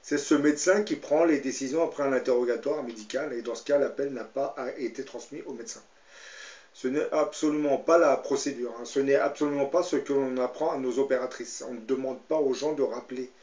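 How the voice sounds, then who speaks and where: A man with a medium-pitched, slightly mellow voice speaks briskly, giving commentary and retelling a Bible story. He sounds hesitant, constantly using fillers and tag questions, and the recording is roomy and slightly dull.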